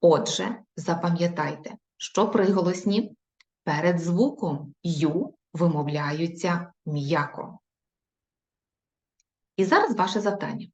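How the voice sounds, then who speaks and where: Slow, careful teacher woman in an echoey room. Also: on the low side, darkish tone. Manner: slow, careful dictation with repeated words. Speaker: primary school teacher. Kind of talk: recorded video lesson for children. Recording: echoey room, dull lo-fi sound.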